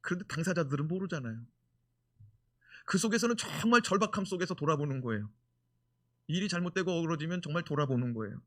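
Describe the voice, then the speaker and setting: A male pastor preaching a sermon in an animated way, full of rhetorical questions. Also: fairly high pitch, quick pace, long pauses.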